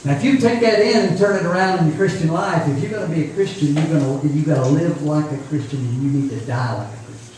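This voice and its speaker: A man with a voice on the high side and a little mellow talks quickly with few pauses, preaching in a folksy, repetitive, informal way to young people. He's a preacher at a youth camp giving a casual sermon, recorded in an echoey room on a distant mic with faint noise.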